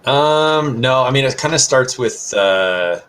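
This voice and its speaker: A man co-hosting a casual live talk show, chatting in a relaxed, rambling way with lots of fillers. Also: mid-range voice, takes it slowly, rough recording. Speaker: podcast co-host. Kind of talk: casual chat. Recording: faint background noise.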